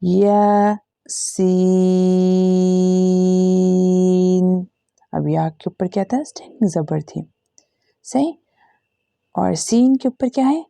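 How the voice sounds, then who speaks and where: A woman teacher with an Urdu-Hindi accent walks through a recitation lesson letter by letter, stretching each sound patiently. Her voice is dark and mellow with a gravelly edge. The recording is dry and close. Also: medium pitch, sing-song, a little slow, long pauses, no room sound. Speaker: Quran reading teacher. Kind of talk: slow step-by-step recitation lesson.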